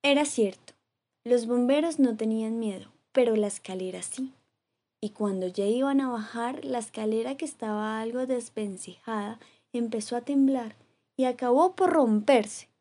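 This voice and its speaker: Woman reading a children's story, mellow and husky. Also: a little high, moderate pace. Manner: gentle, rhythmic, lively read with repeated refrains.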